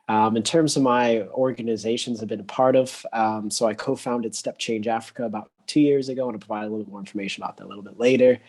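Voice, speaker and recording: American guy introducing himself on a webinar, easygoing, medium voice. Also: mid-range voice. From United States. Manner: relaxed, steady, many ums. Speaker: guest consultant. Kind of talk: casual self-introduction.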